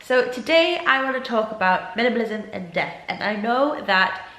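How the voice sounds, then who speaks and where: A woman's voice: animated, moderate pace, bright, forceful tone. Nasal, under-the-weather woman. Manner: earnest, reflective, low-energy. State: ill with a blocked nose and sore throat. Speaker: vlogger. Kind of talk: casual vlog talk to camera. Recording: echoey room.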